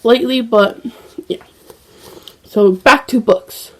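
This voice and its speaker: Her voice slightly high, fairly bright and slow-paced, a young woman vlogs about books in a loose, casual chat full of fillers and restarts. A cold has left her a little congested, with an occasional cough.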